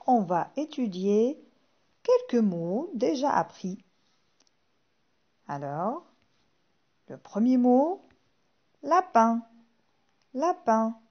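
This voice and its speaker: A woman leads a phonics lesson for small children, spacing out each word and saying it twice. Her voice sits a little high and moves a lot in pitch, and her pace is very slow. The recording sounds dull and lo-fi. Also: slightly rough. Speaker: primary school teacher.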